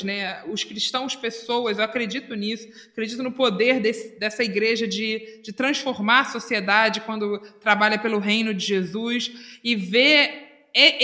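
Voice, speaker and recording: Woman, high, bright, earnest podcast guest, repeats words for emphasis. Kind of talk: casual podcast chat.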